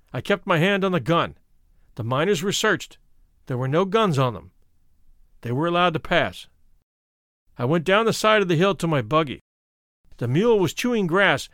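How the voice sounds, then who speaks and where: A man reading a first-person memoir aloud in measured, steady storytelling narration. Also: a little high, no echo, studio quality. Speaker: reader.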